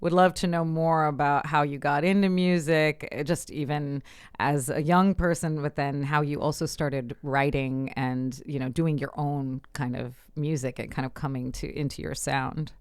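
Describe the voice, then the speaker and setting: A woman's voice: sits low, fairly even intonation, normal speed, clean tone, no room sound, clean studio sound. A woman hosting an interview podcast, engaged and affirming, who lays out ideas at length. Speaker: podcast host. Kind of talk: conversational interview.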